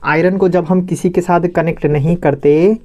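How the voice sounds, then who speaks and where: Playful mellow-voiced male teacher. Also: fairly high pitch, normal speed. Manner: teasing, joking, lively explaining. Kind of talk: playful exam-prep lesson.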